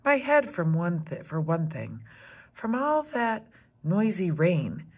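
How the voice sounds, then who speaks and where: A woman's voice: fairly low pitch, very animated, slow pace, breathy edge, full character voice. Woman doing a dramatic whiny schoolgirl, storybook voice, bouncy. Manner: whiny, pleading. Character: young schoolgirl, dramatic and stubborn.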